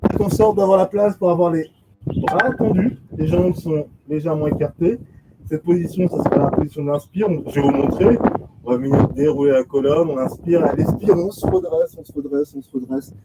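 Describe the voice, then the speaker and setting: A man teaching a pilates class, giving steady step-by-step commands, counting reps and repeating cues slowly. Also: on the high side. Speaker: pilates instructor. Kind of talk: guided exercise class instruction. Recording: loud background noise.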